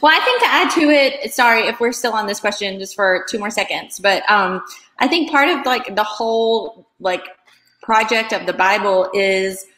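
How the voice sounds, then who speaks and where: A woman's voice: medium pitch, normal speed, a bit bright. A woman co-hosting a casual faith chat over a video call, thoughtful and rambling, laughing easily. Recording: roomy echo.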